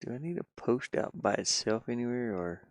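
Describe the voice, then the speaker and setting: Streaming himself making pixel art, a game developer keeps up a playful, muttered running commentary as he thinks aloud. He speaks at normal speed with a medium-pitched voice and lively intonation, and the recording has no room sound.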